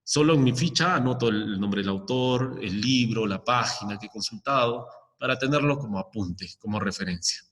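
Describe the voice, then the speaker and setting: A man's voice: on the low side, moderate pace, fairly bright tone, long reverb tail. A male teacher giving a recorded lesson, explaining step by step and often checking with the class. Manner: explains with many rhetorical questions and "¿ya?" checks.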